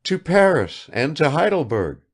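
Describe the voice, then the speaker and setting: A man reading aloud takes on a fussy, chattering provincial woman, using a high-leaning, exaggerated voice set above his own with large pitch swings. The gushing character fires questions rapidly and waits for no responses.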